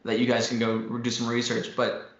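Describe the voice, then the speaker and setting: A man's voice: medium pitch, monotone, moderate pace. A young man co-hosting a casual chat, rambling enthusiastically with many fillers and restarts. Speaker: podcast co-host. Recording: roomy, slightly dull audio.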